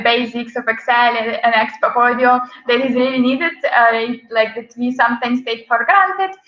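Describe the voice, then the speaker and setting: A young woman presenting a casual online webinar, chatty, with many fillers and frequent laughs. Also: a little high. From Ukraine. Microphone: video call. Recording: echoey, dull video call audio.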